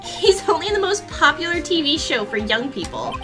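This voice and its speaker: A woman voicing an excitable seventeen-year-old girl sidekick, eager and gushing. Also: moderate pace. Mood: excited. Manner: eager, gushing, high and loud. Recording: clear music behind.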